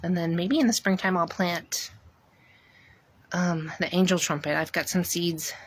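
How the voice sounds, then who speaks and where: Woman vlogger, slightly low voice, slightly breathless, rambles with plenty of ums while she walks her garden. Outdoors, phone mic. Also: fairly even intonation, a little slow, slight background noise. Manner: rambling, many ums, chatty. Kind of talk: casual garden tour chat.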